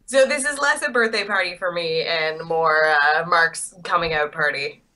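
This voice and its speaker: Bright-voiced teasing woman host. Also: on the low side, normal speed. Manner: teasing, playful. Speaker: podcast host. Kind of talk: casual chat.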